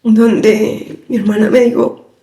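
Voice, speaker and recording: A woman, softly recounting a painful memory in an interview, halting as she goes. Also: fairly high pitch, little pitch movement. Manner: halting, soft-spoken recounting. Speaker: victim's daughter. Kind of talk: interview testimony. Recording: roomy echoing room.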